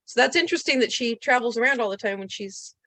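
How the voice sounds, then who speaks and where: Woman meeting participant, dry close sound, slightly high voice, unsure questions. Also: expressive, quick pace, a bit bright, no room sound. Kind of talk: casual meeting talk.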